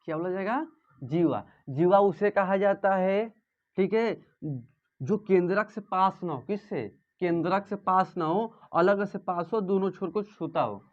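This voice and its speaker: High-voiced man teaching math in class. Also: a little slow. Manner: asks students questions and repeats answers. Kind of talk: classroom lesson. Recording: dull lo-fi sound.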